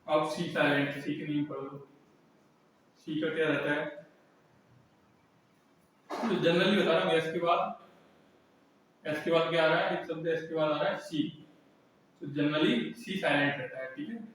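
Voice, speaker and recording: A man's voice: on the high side, fairly even intonation, unhurried, long pauses, fairly bright tone, slight background noise. A male teacher giving a classroom lesson who keeps asking and answering his own questions. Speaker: English teacher. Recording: echoey room, mic far off.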